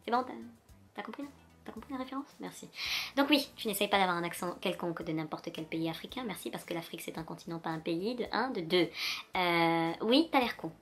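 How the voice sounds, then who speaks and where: A young woman vlogging straight to the viewer in a sassy, animated rant, with faint music behind her. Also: on the low side, brisk. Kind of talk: casual direct-to-camera rant.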